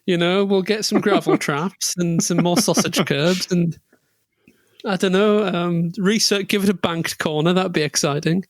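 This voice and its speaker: A man's voice: sits high, fairly even intonation, normal speed, hardly any pauses, no echo. A man co-hosting a podcast in casual chat, rambling and jokey, with plenty of tangents and restarts. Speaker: podcast co-host.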